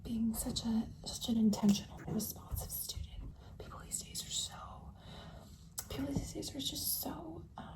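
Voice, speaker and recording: A woman's voice: fairly high pitch, normal speed, recorded from a distance, low-quality recording. A woman whispering confidingly in a whispered role-play as a flirty, doting teacher, repeating herself in hesitant phrases. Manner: whispering confidingly, as if sharing a secret. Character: flirty, doting female teacher with an overnight guest. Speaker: ASMR role-play performer.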